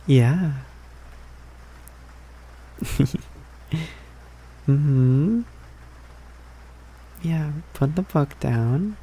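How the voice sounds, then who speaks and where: A young man playing an affectionate, playful, slightly needy boyfriend in a soft, hesitant, rambling ASMR ASMR role-play. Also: mid-range voice, vocal fry, heavily acted, low-quality recording. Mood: affectionate, teasing. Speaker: ASMR performer.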